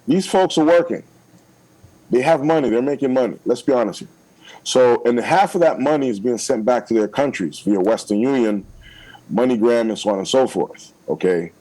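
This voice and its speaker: A man's voice: medium pitch, expressive, moderate pace, mellow, low-quality recording. A man, a political candidate, making his case in a radio interview, emphatic and persuasive, checking in with "okay?" again and again.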